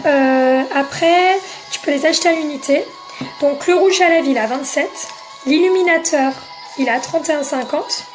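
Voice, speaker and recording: A woman's voice: high-pitched, moderate pace, soft background music. A French-speaking woman selling makeup on a casual live stream, chatting and answering viewers by name.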